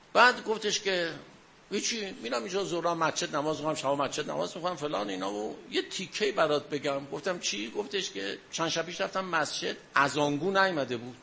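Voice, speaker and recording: A man's voice: sits high, vocal fry, bright, forceful tone, a little hiss or hum. A man giving a religious talk to an audience, telling a story and asking questions as he explains. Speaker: religious speaker.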